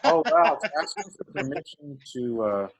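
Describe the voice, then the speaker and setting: A man talks casually in a group video chat. His voice is husky and rough-edged, at a middle pitch, in an informal conversational style. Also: wildly swooping pitch, normal speed, poor audio. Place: indoors on a computer video call.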